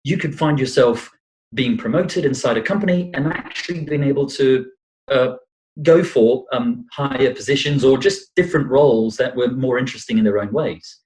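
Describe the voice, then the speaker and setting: A middle-aged man from Brazil answers interview questions in a relaxed, self-deprecating way. He wanders through his answers and often restarts his sentences. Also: medium pitch, moderate pace, rough recording. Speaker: podcast guest, financial planner. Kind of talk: conversational interview.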